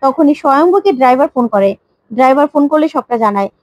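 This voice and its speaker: A woman briskly retelling a TV serial episode and voicing every character herself. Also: high-pitched, lively intonation, a little mellow, dry recording, poor audio. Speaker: storyteller.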